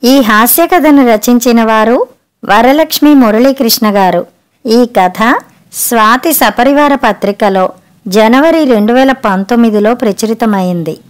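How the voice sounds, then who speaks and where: A woman narrating a humorous family story as an audiobook reader, measured and expressive. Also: fairly high pitch.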